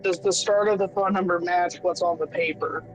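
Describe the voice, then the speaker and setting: A man's voice: high-pitched, steady tone, normal speed, faint music behind, rough recording. A man playing a tabletop game, speaking hesitantly and stammering in character. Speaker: player. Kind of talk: casual tabletop play.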